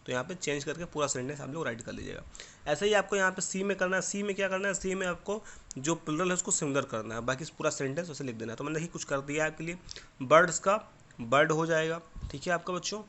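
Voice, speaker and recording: A man's voice: a little high, fast talker, fairly bright tone. A young man teaching English grammar to schoolchildren, explaining patiently in Hindi with Indian-accented English examples. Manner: patient, repeats "theek hai" to children. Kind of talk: classroom lesson explanation in Hindi.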